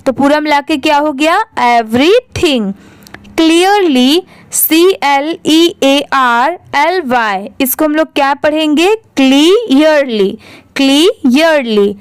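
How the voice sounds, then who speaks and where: A woman's voice: high-pitched, dry recording. A woman teaching a reading lesson, spelling words out letter by letter and asking and answering her own questions.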